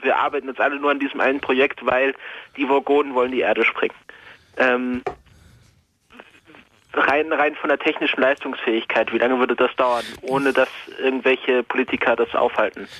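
A man's voice: mid-range voice, fairly bright tone, no room sound, dull audio. A man calling into a radio show, posing a speculative hypothetical question. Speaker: caller.

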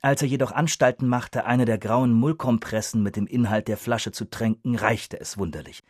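A man reads an audiobook in a measured, expressive narration at a medium pitch. The sound is close and dry. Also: no echo.

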